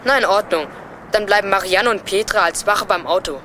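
A woman's voice: mid-range voice, brisk, music in the background, close to an everyday voice. An actress playing a methodical young boy who leads his siblings in a children's audio drama, decisive and explanatory. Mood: planning, decisive.

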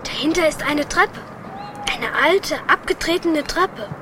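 An actress playing an eager, observant young sister on an adventure in a children's audio drama, speaking earnestly and clearly. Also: female voice, high-pitched, expressive, a little slow, very noisy. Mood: curious, excited.

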